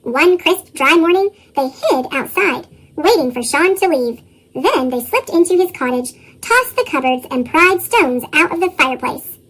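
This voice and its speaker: A storybook narrator whose voice is run through a sped-up chipmunk effect, reading a tale aloud with lively chuckles in the dialogue. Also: normal speed, poor audio. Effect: sped-up, pitched-up chipmunk voice.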